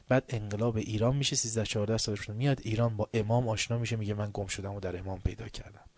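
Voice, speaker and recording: A male preacher gives a sermon in a storytelling manner, full of rhetorical questions. His delivery swings from near-whispers to loud, emphatic outbursts. The recording is dry and close, with no room sound. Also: on the low side, no echo. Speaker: religious speaker.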